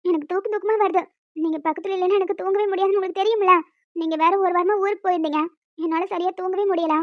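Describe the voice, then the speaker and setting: A woman's voice: very high-pitched, dry recording. [name], a woman voicing a clingy young wife. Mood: sulky. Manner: emotional, pleading, chatty. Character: young village wife, clingy, pleading, stubborn. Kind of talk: Tamil audio romance drama. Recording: dull dry lo-fi recording.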